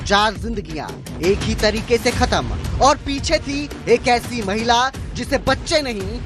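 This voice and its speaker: Breaking news सुनाती महिला, पीछे तेज़ संगीत. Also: female voice, a little high, animated, unhurried, music in the background. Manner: sensational, emphatic, repetitive. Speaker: news presenter. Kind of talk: breaking news reporting, dramatic narration.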